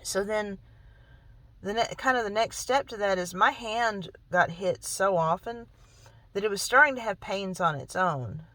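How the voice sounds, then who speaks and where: Recounting a painful personal experience, this woman vlogger speaks emphatically and repeats herself, checking in with "okay?" and leaning on "really," clearly shaken. Her medium-pitched voice has a fairly bright tone and a measured pace. The recording has no echo but is low quality.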